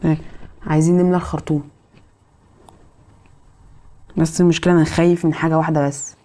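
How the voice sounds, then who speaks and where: Egyptian woman gaming, low voice, rattles off excitable commentary at the characters. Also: quick pace. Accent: Egyptian Arabic. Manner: excitable, scolding game characters. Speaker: gamer. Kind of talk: let's play commentary.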